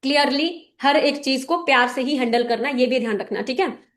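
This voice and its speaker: Brief: a woman with a high voice leads a team meeting, firm and instructive, often checking everyone is following. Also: normal speed. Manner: direct and instructive, often checking listeners understand. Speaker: team leader addressing a business meeting. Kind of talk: motivational talk to a sales team.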